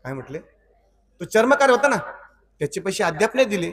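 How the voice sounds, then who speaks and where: High-voiced preacher telling a story. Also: male voice, big pitch swings, fairly quick, fairly bright tone, far from the mic. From Maharashtra, India. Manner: asks the audience rhetorical questions and repeats lines; acts out dialogue between characters in the story. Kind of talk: storytelling sermon.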